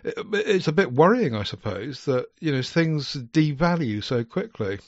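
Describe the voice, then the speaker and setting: A man's voice: a little high, sing-song, moderate pace, dry recording. A man chatting as a podcast co-host, rambling with many ums and restarts. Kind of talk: casual chat. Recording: dry, slightly muffled.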